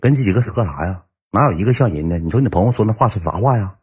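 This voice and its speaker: A man voicing an annoyed young woman, speaking curtly and grumbling in a low voice. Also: animated, racing, a little mellow, slightly rough. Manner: curt, grumbling.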